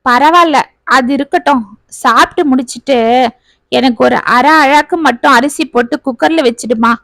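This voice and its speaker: A woman voicing a frail, meek elderly mother-in-law who speaks softly and pleadingly in a storybook tale. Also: high voice, lively intonation, normal speed, no room sound. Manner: soft, pleading, gentle.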